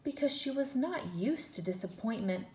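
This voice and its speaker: A woman first grade teacher reading a storybook aloud and gently asking her students questions. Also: fairly high pitch, expressive, moderate pace. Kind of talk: read-aloud lesson for children. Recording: roomy echo, faint ambience.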